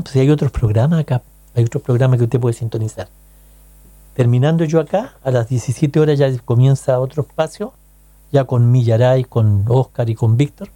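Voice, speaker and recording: A radio host with a Chilean accent runs a casual show, chatting with listeners through rhetorical questions and frequent check-ins. His voice sits in the mid range with a dark tone, and there's no echo.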